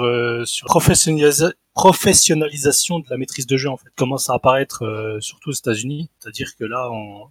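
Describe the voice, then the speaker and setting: A man adding a point in a group discussion, thoughtful and halting with many fillers. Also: medium pitch, a bit bright, husky, no room sound. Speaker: tabletop game panelist. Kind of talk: discussion among game masters.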